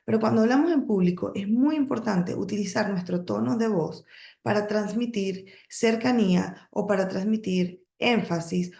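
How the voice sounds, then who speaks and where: Gravelly woman coaching in an echoey room. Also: mid-range voice, a little mellow. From emigrated to the United States, lives in Texas. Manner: coaching, emphatic, with pauses and self-corrections. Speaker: network marketing trainer. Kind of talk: training talk on public speaking.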